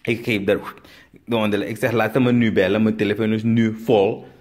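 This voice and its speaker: Man, Surinamese Dutch accent, comic storyteller, acts out the dialogue, jumps high for punchlines. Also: fairly quick. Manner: animated storytelling, acting out dialogue with sudden high bursts. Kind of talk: storytelling comedy.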